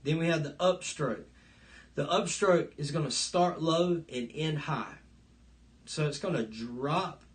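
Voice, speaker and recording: A man with a slightly high voice talks a little slowly while teaching a live online drum lesson. He explains stroke types step by step and counts beats aloud, recorded on his phone's front-facing camera.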